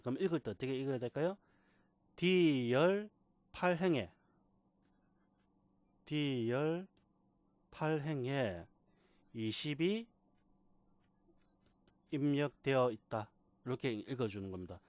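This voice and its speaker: A man teaching a software class, patiently repeating key terms and asking rhetorical questions. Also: mid-range voice, no echo. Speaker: computer instructor. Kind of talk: screen-recorded software tutorial.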